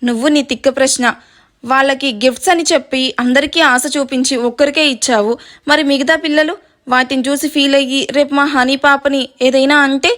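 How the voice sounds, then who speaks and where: A woman's voice: high-pitched, fairly even intonation, brisk, fairly bright tone. A woman reading as an impatient rich young man. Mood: scolding.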